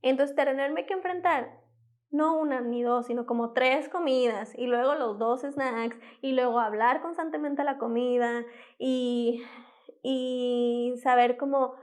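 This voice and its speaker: A woman's voice: high-pitched, measured pace. A woman in her twenties telling her own story as a former patient in an interview, acting out the quoted dialogue and talking with many fillers and self-corrections. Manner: lively retelling that acts out quoted dialogue. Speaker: former patient giving a testimony. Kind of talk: personal testimony in an interview.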